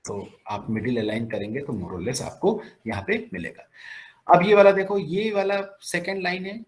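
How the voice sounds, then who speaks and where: Here a man's somewhat high voice comes through a low-quality recording at normal speed. He's teaching logic lecture-style on a recorded screen, energetically raising questions only to answer them himself, with English phrases sprinkled throughout.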